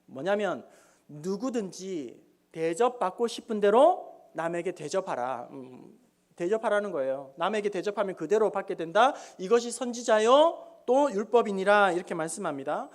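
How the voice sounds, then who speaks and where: A male pastor preaches in a church, bringing folk tales and parables to life with acted-out voices. His pitch rises and falls in a lively way throughout the telling. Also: normal speed. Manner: animated storytelling with acted-out voices. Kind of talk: sermon. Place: church sanctuary.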